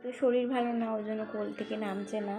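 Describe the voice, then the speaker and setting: A woman's voice: mid-range voice, fairly even intonation, fast, over music. A mother chatting casually to her viewers in a home vlog while she cares for her children at the table, recorded on a handheld phone. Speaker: mother vlogging home life.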